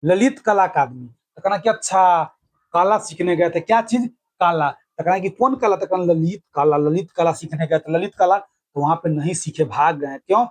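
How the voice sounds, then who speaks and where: A man with a fairly high voice teaches an exam-prep lesson. He repeats each point several times and builds silly memory tricks around it, speaking casually to his viewers as friends. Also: moderate pace.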